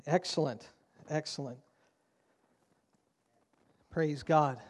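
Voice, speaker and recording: A man's voice: on the high side, slow. A man preaching a sermon at a pulpit microphone in a church, speaking in an earnest, conversational way. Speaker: pastor. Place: church sanctuary. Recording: long church-hall reverb.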